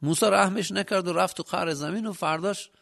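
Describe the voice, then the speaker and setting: A man from Yazd with a Yazdi accent, giving a sermon with rhetorical questions and a loudness that rises and drops. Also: sits high, gravelly. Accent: Yazdi Persian. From Yazd, Iran. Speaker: preacher.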